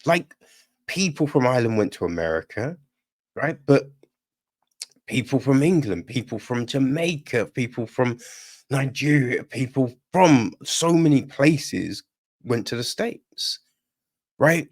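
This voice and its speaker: This podcast film reviewer has a medium-pitched voice, a measured pace and lively intonation, and he pauses often. Annoyed and full of opinions, he rambles on, peppering his talk with "right?" and "you know."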